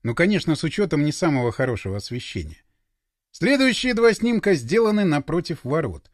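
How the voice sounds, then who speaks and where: A man reading a first-person novel aloud as an expressive audiobook narrator, close to the microphone. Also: a little high, a little fast, dry recording. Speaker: audiobook reader.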